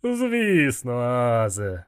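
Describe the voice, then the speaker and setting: A man's voice: mid-range voice, huge pitch swings, very slow, clean tone, heavily acted. A man voicing a jovial, scheming older male gang boss who laughs a lot, in an audiobook. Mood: genial. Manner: boisterous, laughing.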